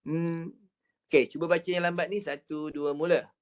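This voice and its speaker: A man with a Malaysian Malay accent leads an online recitation lesson over a computer mic, his voice sitting a little high. He drills each sound patiently, counting off repetitions and drawing out words very slowly as he demonstrates. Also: little pitch movement, smooth. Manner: stretches words very slowly when showing the recitation. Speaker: Quran recitation teacher. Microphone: computer mic on a video call.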